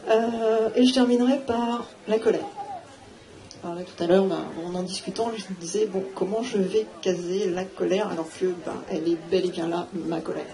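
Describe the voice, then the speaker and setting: A woman speaking on a live round-table panel, thinking aloud with many pauses and fillers. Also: mid-range voice, mellow. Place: theatre hall. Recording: noisy live room recording.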